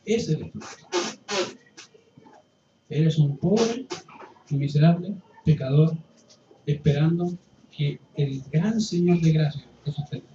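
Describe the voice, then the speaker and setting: A man preaching a sermon as pastor, impassioned, swinging from loud pleading to hushed, quiet passages. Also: on the high side, slow, pauses often, slight background noise. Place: church hall. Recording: roomy, distant, dull church recording with faint ambience.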